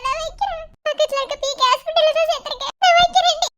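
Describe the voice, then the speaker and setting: Cartoon young woman, very high voice, tearful and breathless as someone voices her. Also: expressive, moderate pace, a bit bright. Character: frantic young woman at a hospital.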